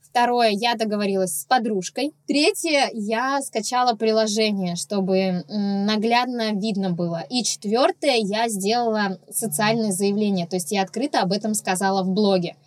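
A woman's voice: mid-range voice, moderate pace, no echo. A woman blogger talking candidly and earnestly about her own experience in a casual podcast conversation.

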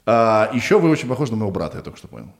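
A man's voice: fairly low pitch, very animated, racing, creaky. A man hosting a podcast interview, talking informally and rambling in short broken pieces. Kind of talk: casual conversational interview.

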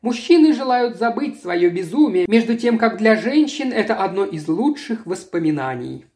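A man's voice: high-pitched, big pitch swings, moderate pace, darkish tone, pitched above the performer's own voice. Haughty, mocking society lady, as a male narrator puts her on. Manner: mocking, sneering. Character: haughty jealous aristocratic woman.

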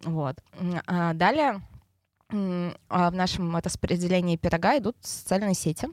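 A woman's voice: lowish voice, moderate pace, darkish tone, dry recording, clean studio sound. A woman who pronounces her r with a burr, explaining things informally as a guest in a podcast interview. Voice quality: burred, non-standard r sound (speech impediment). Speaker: interview guest, head of a traffic department.

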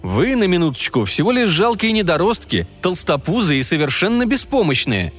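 A man voicing an ordinary man who speaks with dry, gentle mockery. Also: high voice, huge pitch swings, normal speed, soft background music, voice pushed up, full character voice. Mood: mocking. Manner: dry, mildly mocking. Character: ordinary mocking middle-aged American man.

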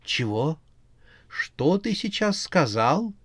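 A man voicing an irritable, sharp-tongued young witch who scolds and retorts in exasperation. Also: fairly high pitch, very animated, takes it slowly, no echo, voice pushed up, full character voice. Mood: exasperated.

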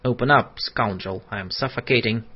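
A man voicing an agitated male asylum patient who shouts indignantly and hoarsely. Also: mid-range voice, animated, unhurried, full character voice. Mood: furious. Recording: dull lo-fi audiobook recording.

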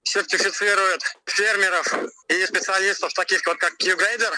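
A man calling in on speakerphone as a coffee expert, talking in a relaxed, slangy, matter-of-fact way from outdoors. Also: sits high, moderate pace, background noise. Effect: heard over a phone on speakerphone. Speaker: coffee expert called in by phone. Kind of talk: casual phone chat. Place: outdoors crossing a highway bridge.

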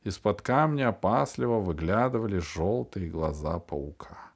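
Low, gravelly male audiobook narrator. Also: animated. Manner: dramatic storytelling, slowing and dropping low on suspenseful phrases. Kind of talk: scripted narration of a children's sci-fi novel.

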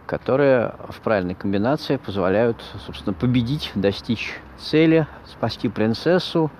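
A man hosting an informal podcast monologue, speaking haltingly in broken phrases as he searches for words. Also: on the low side, slight background noise. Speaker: podcast host.

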